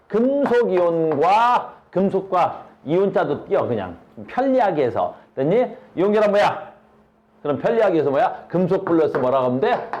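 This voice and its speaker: Animated man teaching a science class. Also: high-pitched, highs cut off. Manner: asks students constant rhetorical questions. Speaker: high school science teacher. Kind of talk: classroom lecture with questions to students.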